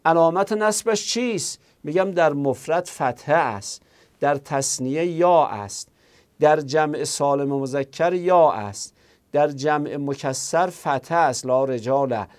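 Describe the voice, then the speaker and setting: A man with a somewhat high voice teaching a grammar lesson. He asks questions and answers them himself, and he goes over the examples slowly and more than once.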